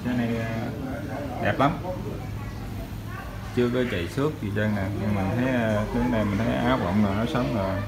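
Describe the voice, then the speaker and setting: A man with a southern Vietnamese accent giving a chatty, hesitant used-vehicle salesman's pitch in a casual walkaround, filmed by handheld phone in a showroom. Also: fairly quick, pauses often. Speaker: used motorbike shop salesman. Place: tiled motorbike showroom. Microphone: handheld phone behind camera. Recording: noisy handheld recording with vehicle sounds.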